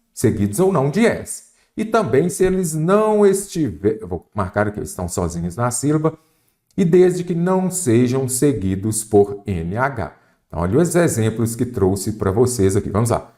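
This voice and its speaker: A man speaking with a Brazilian accent teaches a Portuguese grammar lesson for exam prep. He is energetic and keeps asking questions and answering them himself. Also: mid-range voice. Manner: energetic, asks and answers his own questions.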